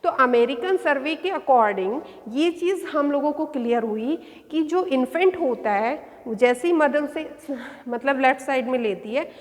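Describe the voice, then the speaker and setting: A woman's voice: high-pitched, expressive, unhurried, hardly any pauses, long reverb tail. A woman teacher lecturing in Hindi mixed with terms, explaining an essay step by step and restating each point.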